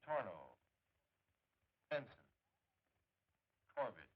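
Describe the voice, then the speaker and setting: An actor playing a stern, dutiful government detective, clipped and businesslike, in a 1930s film serial. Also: male voice, lowish voice, sing-song, drawn-out words, breathy edge, full character voice. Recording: dull old film soundtrack.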